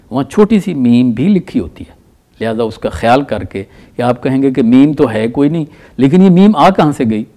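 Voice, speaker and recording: A man teaches a tajweed lesson, explaining patiently and reciting examples slowly with stress. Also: medium pitch, dark tone.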